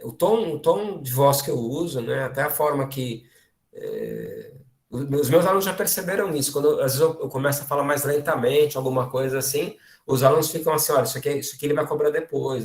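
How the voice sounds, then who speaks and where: A man from Brazil giving an online academic lecture, lively and full of fillers and restarts. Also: medium pitch. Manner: animated, many fillers and restarts.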